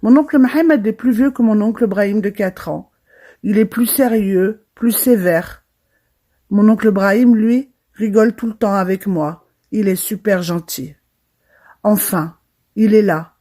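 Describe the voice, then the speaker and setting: A young woman narrating a first-person horror storytime, with a dramatic and lively delivery. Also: mid-range voice, measured pace. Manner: dramatic, lively retelling with quoted voices.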